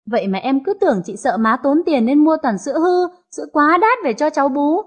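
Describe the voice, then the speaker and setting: A woman voicing a shrewd, gentle youngest daughter who speaks calmly and probes. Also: sits high, a little fast. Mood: probing. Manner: calm, probing.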